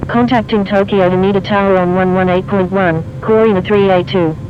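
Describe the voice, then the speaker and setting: A man's voice: high-pitched, fairly even intonation, fairly quick. A man voicing an airline pilot making calls over a cockpit headset radio, with clipped, formal phrasing. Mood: calm. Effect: pilot radio call over a cockpit headset. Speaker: airline pilot reading back instructions. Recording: muffled radio with faint noise.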